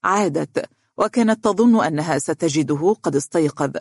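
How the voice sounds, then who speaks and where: A narrator reading a story aloud in a steady, measured way in the dialogue. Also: mid-range voice, husky, no room sound, clean studio sound.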